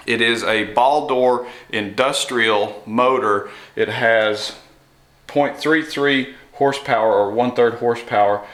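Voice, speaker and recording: A man's voice: fairly low pitch, fairly bright tone. A man giving a casual, hands-on tutorial in a workshop, explaining things in an informal way. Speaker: knife sharpening tutorial host. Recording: echoey workshop room.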